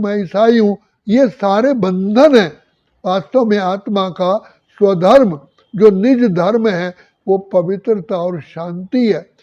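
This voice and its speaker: An older man delivers a spiritual discourse in a slow, measured way, his voice set high and mellow. He lists virtues one at a time. The recording sounds dull and lo-fi. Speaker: spiritual teacher.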